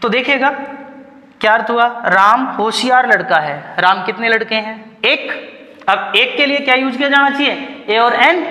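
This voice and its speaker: A man's voice: very high voice, unhurried, bright, forceful tone. An Indian man teaching a grammar lesson, asking his class questions and answering them himself, with "okay" between points. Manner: keeps saying "ठीक है" between points. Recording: long hall reverb.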